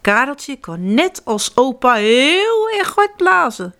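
A woman reads picture-book stories aloud to young children. Her delivery is slow and deliberate, with a very lively, swooping pitch. She talks straight to her little listeners. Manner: animated, addressing children directly. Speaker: children's storyteller.

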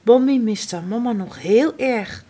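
A woman reading a children's storybook aloud in an expressive, dramatic way. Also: a little high, unhurried.

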